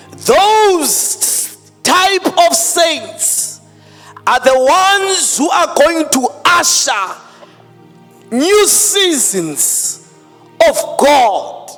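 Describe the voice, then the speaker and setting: A man preaches into a pulpit microphone in a strikingly high, lively voice. He stretches his words out slowly and leans hard on key phrases. His voice rings with a long church-hall reverb over faint music. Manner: emphatic, drawn-out preaching with mixed-in Xhosa words. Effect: speaking into a pulpit microphone. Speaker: pastor. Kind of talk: sermon.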